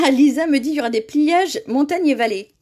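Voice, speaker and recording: High-voiced chatty woman crafter. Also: normal speed, darkish tone. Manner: chatty, laughs often, reads viewer comments aloud. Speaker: crafting demonstrator. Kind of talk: live craft tutorial.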